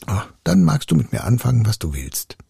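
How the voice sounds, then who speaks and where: A man voicing a fearless, quick-witted young woodcutter's son in a storybook reading, in a raised, gravelly voice. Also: sits low, no room sound, studio quality, heavily acted. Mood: cunning. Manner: quick, lively, unafraid.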